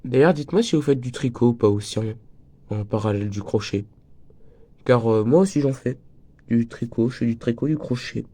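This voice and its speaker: A teenage boy hosts a casual crochet tutorial with a slight cold and a breaking voice. His pitch is medium and his warm voice moves fairly quickly as he chats, cracks jokes, and drifts off topic.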